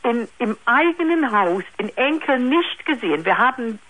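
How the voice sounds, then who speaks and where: An older woman calling a radio phone-in over the telephone, talking haltingly with many restarts. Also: fairly high pitch, big pitch swings, fairly bright tone, slightly rough, rough recording. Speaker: caller.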